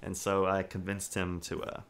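A man co-hosting a podcast, telling stories in relaxed casual chat with frequent ums. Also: sits low, moderate pace. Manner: relaxed storyteller, frequent ums and self-corrections. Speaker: podcast co-host.

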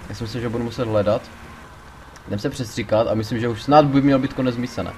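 A man giving casual gameplay commentary, excitable, swearing a lot and panicking loudly when things go wrong. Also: medium pitch, slight background noise. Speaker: let's play gamer.

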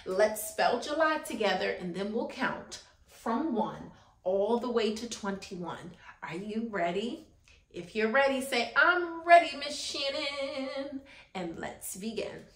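A woman's voice: mid-range voice, expressive, unhurried. A young woman teaching small children in an earnest, upbeat, sing-song schoolteacher manner, asking encouraging questions to camera. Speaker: preschool teacher. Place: small room set up as a classroom, indoors. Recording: roomy indoor echo.

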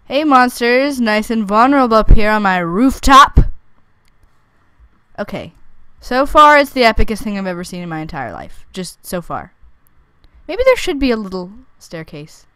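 A woman's voice: fairly high pitch, sing-song, moderate pace, bright, forceful tone, clean tone, no room sound. A young woman chatting through her gameplay, answering her own questions and teasing the monsters, with squeals when something surprises her. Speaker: let's play gamer. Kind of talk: casual gameplay commentary.

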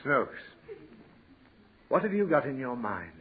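A slow, sing-song male voice in the middle range plays a fussy, sentimental father in a 1940s radio comedy. Patient but easily flustered, he lectures his naughty little girl, and the sound is a thin, old radio recording with a faint hiss.

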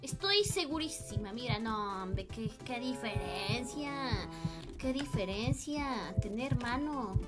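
A woman's voice: a little high, animated, slow, over loud music. A woman, playfully commentating a game with swearing and mock panic. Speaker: streamer. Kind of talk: comedic gameplay commentary.

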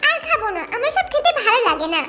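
Brief: woman doing a gruff, spoiled rich young man in a storybook reading, high voice, music behind. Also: sing-song, fast talker. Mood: bossy scolding. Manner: bossy, scolding. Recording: background music under the voice.

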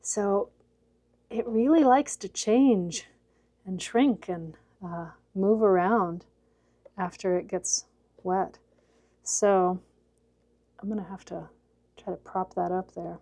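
Recorded in and around an SUV and a carport, a woman in her forties talks casually through a do-it-yourself vehicle job, laughing often as a vlogger. Her mid-range voice is warm and slow, with frequent pauses and no room sound.

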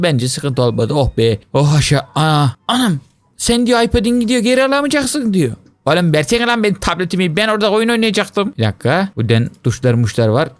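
Young male gamer, fairly high voice, dry close mic, dramatic and excitable commentary. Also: dry recording. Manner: excitable, shrieks and wails when he fails; talks to viewers constantly, dramatic complaints. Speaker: gaming YouTuber. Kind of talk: Let's Play commentary.

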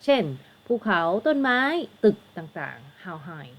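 A woman's voice: fairly low pitch, very animated, slow, vocal fry. A woman with a Thai accent, an English teacher tutoring for an exam, patiently explaining and spelling words out letter by letter.

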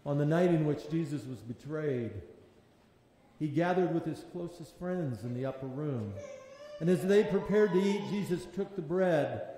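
A man serving as pastor, leading a sermon and communion in a measured, prayerful cadence, his voice ringing with a long echo in a large church. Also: on the high side, mellow, slight background noise. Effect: long echoing church reverb. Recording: long reverb in a large hall.

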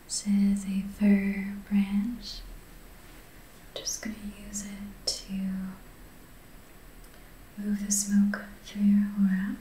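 In a hushed, breathy, whispery ASMR manner, a woman who practices Reiki and hosts the session guides a soft-spoken healing session very slowly and gently. Her mid-range voice is monotone, extremely mellow and soothing with little rise or fall. The recording has a noticeable roomy echo plus a little hiss or hum.

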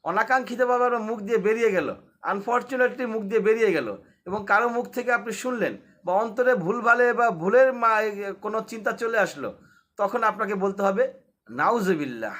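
Bright high-voiced man teaching. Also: animated, a little fast. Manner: explains with repetition and rhetorical questions. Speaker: Islamic teacher. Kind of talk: casual religious lesson.

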